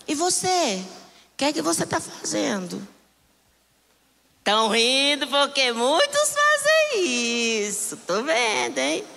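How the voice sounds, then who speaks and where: A woman bishop preaching a fervent sermon, shouting declarations and teasing the congregation. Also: high voice, big pitch swings, slow pace, gravelly, slight background noise. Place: church. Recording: long church reverb.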